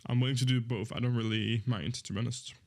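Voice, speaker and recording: Talking to his stream viewers at a quick pace, this twenty-something man has a mid-range voice and fairly even intonation. His casual chat rambles easygoingly, full of fillers and self-corrections.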